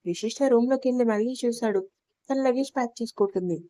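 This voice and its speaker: A woman's voice: a little high, quick pace, mellow, no echo. Woman narrating a story, dry sound.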